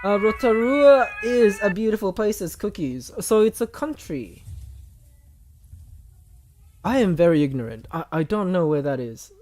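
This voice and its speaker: Animated young streamer man, music behind. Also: measured pace, long pauses. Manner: animated, jumpy pitch, laughs often, talks straight to chat. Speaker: livestream host. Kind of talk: casual live-stream chat, reading viewer comments aloud. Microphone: desk mic. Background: background music playing.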